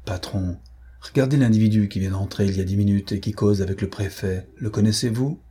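Brief: a man playing a gruff loyal cop sergeant, urgent and blunt, dark husky voice. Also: brisk. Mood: hushed warning. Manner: urgent low warnings, blunt slangy talk.

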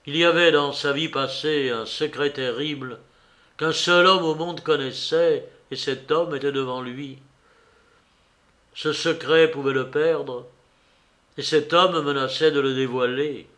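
A man reading a novel aloud in a measured, calm narrating voice. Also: medium pitch. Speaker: audiobook reader.

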